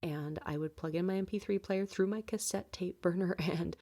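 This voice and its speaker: This podcast host, a woman in her late twenties, talks candidly from home about her life, peppering the reflective monologue with fillers and light laughter. She has a fairly low, mellow voice, keeps her intonation fairly even, and moves at a moderate pace.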